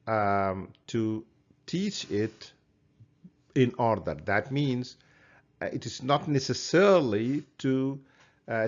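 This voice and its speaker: On a lo-fi recording, a medium-pitched man introduces his biology course, explaining his course plan hesitantly with lots of fillers and restarts. Arabic is his first language, and his Sudanese English accent leans American.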